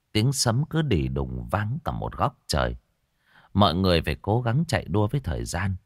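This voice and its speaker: A man narrating a scripted horror story with dramatic, animated delivery. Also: deep voice, no echo, clean studio sound.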